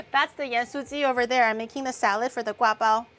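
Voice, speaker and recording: Faint music plays behind this VTuber and streamer as she cooks in her home kitchen, chatting casually on a livestream. Her voice is a little high, a bit bright and steady, and fairly quick, and she swears bluntly and murmurs over each taste of the food.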